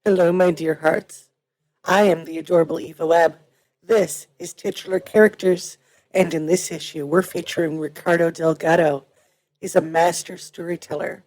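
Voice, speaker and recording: A woman's voice: lowish voice, fairly even intonation, moderate pace, a little mellow, low-quality recording. A woman hosting an interview show, reading a cheery introduction and asking chatty questions. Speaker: host. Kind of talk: podcast interview.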